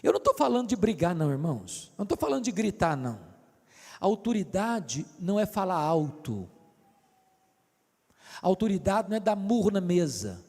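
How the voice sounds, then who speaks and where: An older Brazilian man preaching a sermon with a Brazilian Portuguese accent, swinging between shouting and speaking softly. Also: high voice, big pitch swings, moderate pace, gravelly, slightly rough. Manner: impassioned, swings from shouting to soft. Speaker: pastor. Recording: hall reverb.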